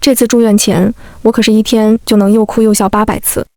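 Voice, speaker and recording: A woman narrating a first-person story in a brisk, wry storytelling manner. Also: medium pitch, level tone, warm tone, no echo.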